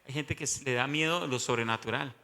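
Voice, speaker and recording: A man's voice: mid-range voice, fairly quick, vocal fry, pushed and bright, in a large hall. A male pastor, teaching a sermon and often asking the congregation questions.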